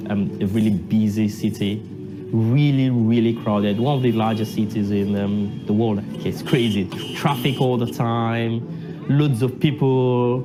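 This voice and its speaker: A man's voice: medium pitch, steady tone, unhurried. Emphatic man. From Nigeria. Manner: emphatic, repeats phrases, asks himself questions. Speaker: university lecturer and assembly delegate. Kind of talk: casual interview.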